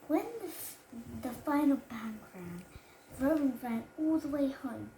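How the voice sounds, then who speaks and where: A child with a high voice reads a children's story aloud. The reading stumbles and restarts phrases. The sound is roomy, with faint noise behind it. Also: expressive, a little slow, dark tone. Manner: stumbles over words and rereads phrases. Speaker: child reader presenting a storybook. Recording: roomy echo with background noise.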